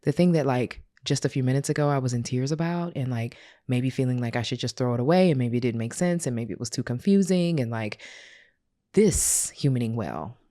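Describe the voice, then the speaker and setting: A woman's voice: extremely low pitch, animated, a little fast, dark tone. A woman hosting a podcast, telling a personal story in a casual, confessional way with slang, her voice cracking with emotion. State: voice cracking with tears. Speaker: podcast host.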